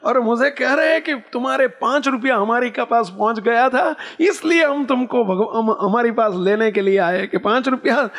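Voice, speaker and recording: A man puts on an old woman lying in her bed, stunned by what she sees. She fires off urgent questions in a thin, very high voice, half pleading and half amazed. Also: fairly quick, few pauses, fairly bright tone, long reverb tail. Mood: awed. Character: frail old woman, bedridden, awed and bewildered.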